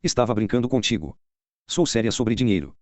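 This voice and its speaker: Senjougahara, a man reading a deadpan cruel schoolgirl. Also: lowish voice, brisk, no echo. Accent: Brazilian Portuguese. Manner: flat, deadpan delivery. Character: cool, cutting teenage schoolgirl, flat and cruel. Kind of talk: audiobook reading of a novel.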